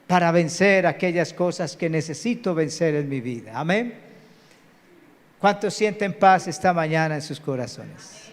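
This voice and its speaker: A man preaching a live church sermon as pastor, calling on the congregation to say amen. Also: sits high. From Colombia. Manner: preachy, calls out to the congregation for amens. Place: large church hall. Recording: reverberant church hall.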